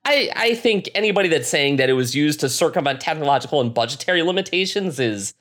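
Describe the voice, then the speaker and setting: Man, podcast co-host, lively swooping pitch, ranting, restarts a lot. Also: quick pace. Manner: animated, ranting, frequent restarts. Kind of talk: casual podcast discussion.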